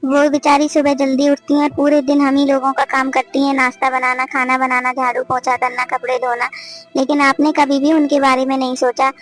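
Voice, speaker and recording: Brief: female VO for a caring, lecturing young cartoon sister-in-law, very high voice. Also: level tone, fairly quick, soft background music, lightly acted. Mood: firm. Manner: firm, lecturing. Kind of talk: cartoon family drama voice acting.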